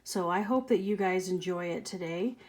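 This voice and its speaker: A woman storyteller reading a picture book aloud for children over home video, gently, with whispered asides. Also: fairly low pitch, normal speed. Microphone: webcam or phone video.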